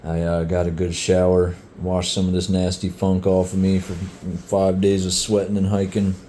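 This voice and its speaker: A man's voice: deep voice, completely flat delivery, normal speed, warm tone, a little hiss or hum. A middle-aged man chatting casually in a vlog about his hike, talking laid-back with many fillers. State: out of breath. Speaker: hiker and vlogger. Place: outdoors on a trail.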